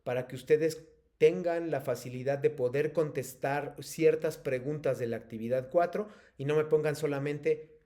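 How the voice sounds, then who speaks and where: Mexican man teaching an online class, mellow voice. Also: a little high, normal speed. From State of Mexico. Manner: patient, explanatory, many fillers.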